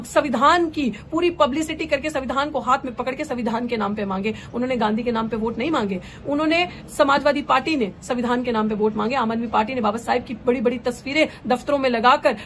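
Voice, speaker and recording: Young woman candidate, rousing and fervent, slightly high pitch, code-switching speech. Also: a little hiss or hum. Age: young adult. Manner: fervent, rousing, mixes English phrases into Hindi. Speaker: political candidate and activist. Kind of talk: impassioned political speech.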